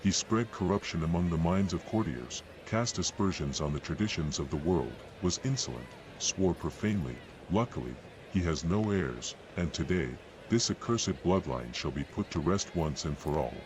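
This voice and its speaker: Deep, cold, solemn executioner. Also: male voice, lively intonation, moderate pace, few pauses, noisy background. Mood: cold disdain. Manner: grandiose, ceremonial, formal declamation. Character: cold solemn male executioner presiding over public burnings. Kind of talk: dramatic video game voice acting.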